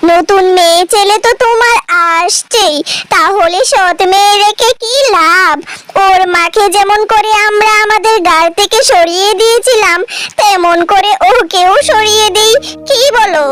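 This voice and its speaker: A woman's voice: very high voice, measured pace, a bit bright. A woman voicing a cruel, scheming pigeon stepmother in a cartoon, with sneering, mocking speech. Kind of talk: dubbed cartoon acting.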